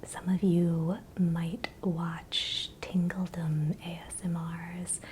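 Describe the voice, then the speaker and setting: A woman giving a gentle, encouraging, unscripted ASMR pep talk in a breathy, unvoiced whisper. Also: fairly low pitch, low-quality recording. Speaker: ASMR channel host. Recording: clear background noise, ambient hiss.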